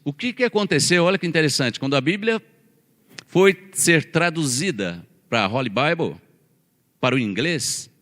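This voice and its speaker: A man's voice: a little high, fairly bright tone. A man preaching a conversational sermon as a pastor. He keeps asking his congregation questions and laughs and teases along the way. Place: church. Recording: long church reverb.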